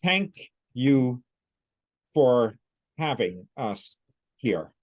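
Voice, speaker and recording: A man's voice: medium pitch, sing-song, very slow. A middle-aged man talking as a podcast guest, explaining things plainly in casual interview chat. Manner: plain, explanatory, some restarts. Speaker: guest, business owner.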